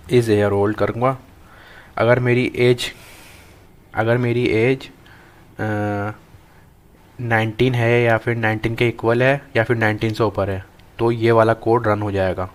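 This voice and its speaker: Low flat-voiced man teaching code. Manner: thinks aloud while typing, halting with many restarts. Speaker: programming tutor. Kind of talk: screen-recorded coding lesson.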